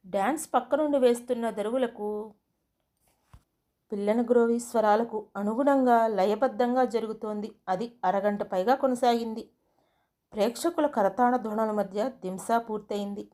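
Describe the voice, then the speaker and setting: A woman reading a family story aloud in a steady, expressive storybook narration. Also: on the high side.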